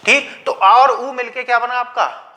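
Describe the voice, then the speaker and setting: A male teacher with a very bright, forceful tone delivers a video grammar lecture. He lays out each point slowly and repeats it. He keeps putting questions to his students and answering them himself. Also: extremely high pitch, lo-fi sound. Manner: slow, patient explaining with repetition.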